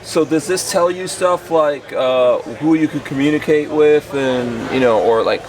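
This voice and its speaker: A man's voice: on the high side, unhurried. A man from Guyana, a van life vlogger chatting casually and asking eager questions. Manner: curious, eager questions with frequent backchannel. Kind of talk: casual chat. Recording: crowd chatter behind.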